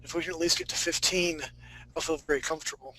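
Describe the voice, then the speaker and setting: A man hosts a live art class in a loose, excited way and jokes with the people on the call. His voice sits a bit high for a man. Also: quick pace, soft background music, rough recording. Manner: enthusiastic, joking. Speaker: class host and instructor. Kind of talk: casual chat hosting a live class.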